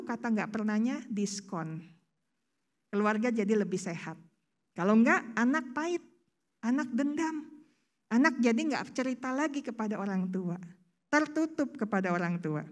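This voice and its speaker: A woman preacher, giving a chatty sermon full of rhetorical questions she answers herself. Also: on the high side. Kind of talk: casual sermon.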